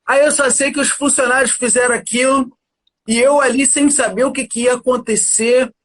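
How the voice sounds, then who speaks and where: A man chatting as a guest on a livestream, telling a story in an animated, casual way and often addressing the listener as "cara". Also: very high voice, normal speed, a little hiss or hum. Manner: animated, keeps saying "cara".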